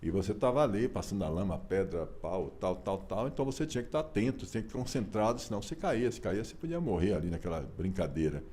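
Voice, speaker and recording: A Brazilian man in his sixties, an author being interviewed, talking in an animated, emphatic way with rhetorical questions. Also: on the low side, very fast, few pauses. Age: 60s. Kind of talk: casual conversational interview.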